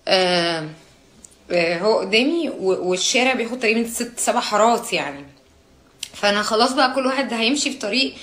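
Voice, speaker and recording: A young woman from Jordan telling a personal account in a distressed, agitated way, halting and restarting as she talks. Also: mid-range voice.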